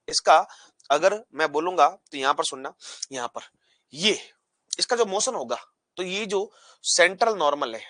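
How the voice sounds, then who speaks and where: A man's voice: a little high, no echo. A man teaching a physics lesson, asking the class questions and repeating key terms back as answers. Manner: animated, acts out particles pushing apart.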